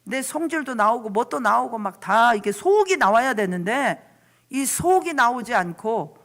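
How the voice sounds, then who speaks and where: A woman evangelist preaching a church sermon in an impassioned, emotive way, moving between fervent pleading and conversational asides. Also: mid-range voice. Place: church service.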